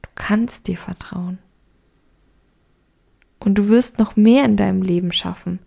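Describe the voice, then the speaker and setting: Young woman host, slow and mellow with gravel, reading stories and encouraging listeners. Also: medium pitch. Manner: calm, gentle, encouraging. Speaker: podcast host and storyteller. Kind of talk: short story reading and motivational talk.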